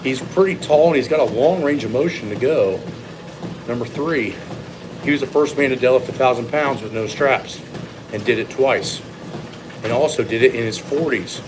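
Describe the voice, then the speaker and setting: A man's voice: mid-range voice, normal speed, noisy background. A man giving a casual, opinionated, off-the-cuff training monologue as a strength coach, speaking bluntly. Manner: blunt, opinionated, occasional swearing. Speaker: strength coach and former competitive lifter.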